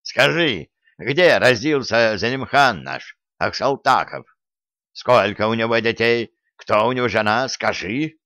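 A man voicing a stubborn old villager who shouts indignantly, in an audiobook reading. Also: mid-range voice, lively intonation, unhurried, no echo, studio quality.

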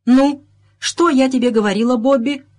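A woman's voice: mid-range voice, lively intonation, brisk, pitched above the performer's own voice, natural voice. A woman voicing an amused, teasing society lady.

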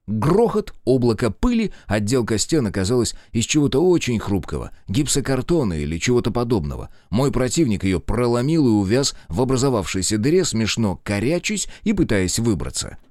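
A man's voice: medium pitch, a little mellow, dry recording, clean studio sound. A man narrating a first-person action story as an audiobook, telling it dramatically.

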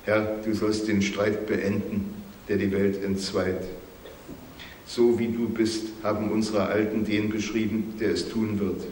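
A man voicing an old male jackal elder who pleads solemnly, in a measured, plaintive storybook reading. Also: fairly low pitch, flat delivery, darkish tone, lightly acted. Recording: roomy recording with faint hiss.

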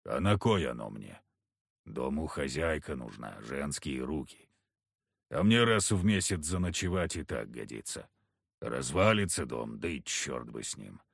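A man voicing a gruff, sullen big village hunter who grumbles curtly. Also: rumbling low, big pitch swings, unhurried, no echo, studio quality, voice pushed down, exaggerated voice. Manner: grumbling, curt.

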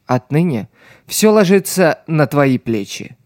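A man reading an audiobook, voicing a wounded, dying street girl who speaks slowly through the strain. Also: on the high side, big pitch swings, a little mellow, no room sound, studio quality. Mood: weak, urgent. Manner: slow, strained, fading speech.

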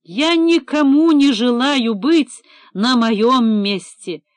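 A woman's voice: on the high side, slow pace, no room sound. A woman voicing a distraught, hysterical male embezzler, pleading and wailing theatrically.

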